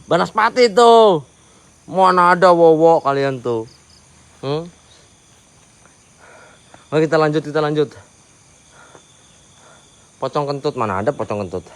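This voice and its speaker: A man hosts a live ghost hunt at night, his voice sitting a little high for a man. He switches between loud, ringing calls to the spirits and low, hushed commentary to his viewers. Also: unhurried, pauses often, smooth. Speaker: ghost-hunting live streamer. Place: outdoors at night at an old resort.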